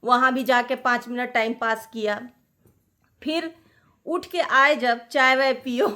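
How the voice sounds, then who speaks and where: Brief: middle-aged woman from Delhi, high bright voice, animated chatty vlog storyteller. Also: slow. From Delhi, India. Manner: animated, chatty, laughing at herself. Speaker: vlogger. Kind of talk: casual storytelling.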